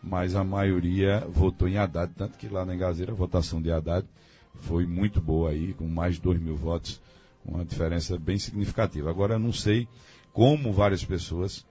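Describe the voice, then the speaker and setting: This man speaks in a very low, husky voice, pausing and restarting as he weighs his views on a radio talk show. The sound is dull and lo-fi, with faint music underneath. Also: steady tone, mellow. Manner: hesitant, thinking aloud with many fillers. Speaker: guest commentator. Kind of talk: radio debate analysis.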